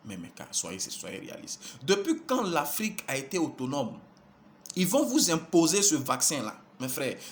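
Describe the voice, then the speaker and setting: A man's voice: on the high side, fairly bright tone, slight background noise. A man delivering an impassioned, exhortative monologue, repeating phrases and calling his listeners brothers. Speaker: preacher addressing followers.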